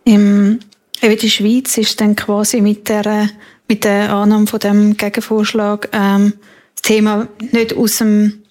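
A woman's voice: mid-range voice, monotone, unhurried, darkish tone. A woman with a Swiss German accent asking conversational interview questions, hesitantly feeling her way through them.

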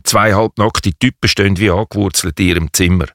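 A man's voice: sits low, steady tone, brisk, creaky, a bit bright, no room sound, studio quality. A man narrating a scripted story as its storyteller.

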